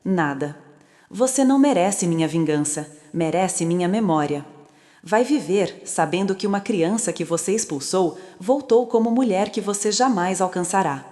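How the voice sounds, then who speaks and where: A woman voicing a composed young businesswoman who speaks calmly and with quiet, cutting resolve. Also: on the low side, natural voice. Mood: cold calm. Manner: calm, measured, quietly cutting. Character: composed young woman returned as rich CEO, coldly calm. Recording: long reverb.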